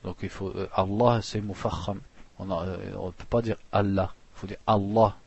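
A man teaching a religious lesson, reading passages fast and then explaining them plainly with restarts. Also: sits low, level tone, a little mellow, dry recording, highs cut off. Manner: reads Arabic passages quickly, then explains slowly with restarts; clears throat now and then.

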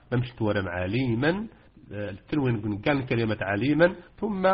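A man's voice: mid-range voice, husky, highs cut off. A man with a Moroccan accent teaching Quran recitation rules to students, hesitant with many fillers and repetitions. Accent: Moroccan Arabic. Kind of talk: informal rules lesson with students.

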